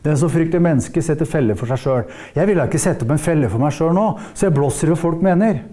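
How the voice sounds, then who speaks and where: High-voiced, dark-toned Norwegian preacher man. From Norway. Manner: lively, mixes teaching with acted-out dialogues. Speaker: Bible school teacher. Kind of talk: preaching lecture.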